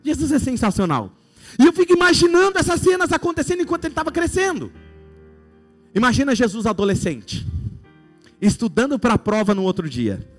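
A Brazilian preacher with a very high voice delivers a sermon in a playful storytelling way. He acts out imagined scenes for his listeners with a Brazilian Portuguese accent. Faint music sits behind his voice. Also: very animated, fairly quick.

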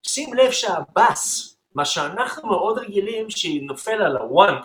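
A man with a somewhat high voice explains rhythm like a music teacher. He is patient and clear. He breaks off to count beats aloud and to sing the drum patterns. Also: lively intonation, fairly bright tone, echoey room, a little hiss or hum.

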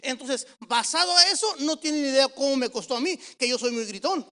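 A man preaching as a pastor, animated, asking the congregation questions and swinging from soft to loud. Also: extremely high pitch, fairly quick. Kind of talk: sermon with practical advice.

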